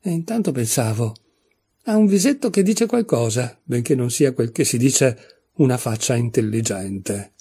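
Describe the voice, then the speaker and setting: A man's voice: medium pitch, expressive, normal speed, mellow, slightly rough. A man reading aloud, voicing a severe, condescending rose flower in a storybook, stern and critical.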